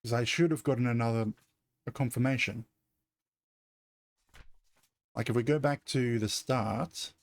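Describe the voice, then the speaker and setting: A man's voice: medium pitch, fairly quick, vocal fry, no room sound. A man streaming a mystery game, thinking aloud in a hesitant, self-correcting way. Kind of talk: casual gameplay commentary.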